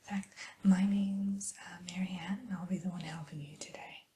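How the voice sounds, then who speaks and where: Female ASMR whisperer, mellow and hushed, gentle receptionist roleplay, unhurried with soft hesitations. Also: lowish voice, fairly even intonation, a little hiss or hum. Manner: soft unvoiced whisper, slow and soothing.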